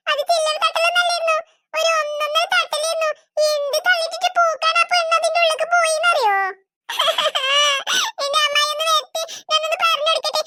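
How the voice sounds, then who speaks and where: A woman's voice: extremely high pitch, fairly even intonation, very slow, pauses often, pushed and bright, no echo, clean studio sound, heavily acted. A woman voicing a dramatic, vengeful little girl in a cartoon, sobbing and whining. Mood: wailing. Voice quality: sobbing, whiny. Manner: wails and complains between crying laughs. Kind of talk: cartoon voice acting.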